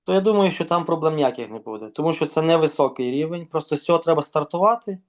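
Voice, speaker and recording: Man, volleyball organizer, interview guest, hesitant, many fillers, a little high-pitched. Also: expressive, quick pace. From Ukraine. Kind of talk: casual interview talk.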